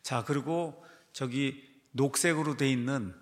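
A man's voice: mid-range voice, a little slow. A male pastor giving a church history lecture, explaining step by step with frequent fillers and rhetorical questions. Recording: long hall reverb.

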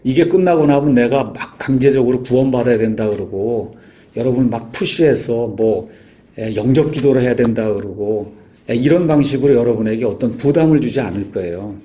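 A man giving an informal sermon, explaining patiently with frequent pauses and filler words. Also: medium pitch, dark tone. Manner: halting, many "ye" fillers, explanatory. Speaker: guest speaker.

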